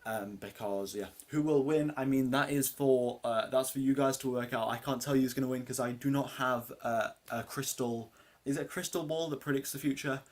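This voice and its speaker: Answering chat as he hosts a casual race watchalong live, this teenage boy has a voice that's deep for his age. His tone stays steady and his pace fairly quick while he rambles, dropping many ums and uhs.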